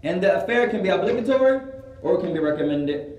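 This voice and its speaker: A man teaching a religious studies class, repeating each point slowly so students can write it down. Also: sits high, expressive, darkish tone, roomy sound, recorded from a distance, dull audio. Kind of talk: classroom lesson, Arabic then English.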